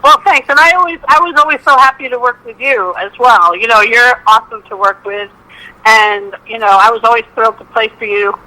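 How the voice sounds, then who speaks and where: A woman's voice: on the high side, fairly quick, pushed and bright, low-quality recording. An upbeat, agreeable American woman chatting casually as a call-in guest, heard over a phone on speaker. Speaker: call-in guest, gigging pianist.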